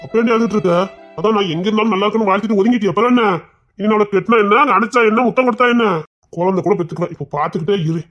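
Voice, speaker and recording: Guy doing a cheeky young fella who teases his girl, stammers, talks quick, tamil accent. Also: sits high, a bit bright, faint music behind. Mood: taunting. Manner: teasing, stammering, mock-crying. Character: teasing, playful young man chasing his sweetheart. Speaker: young man in a romantic web drama. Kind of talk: comic romance skit acting.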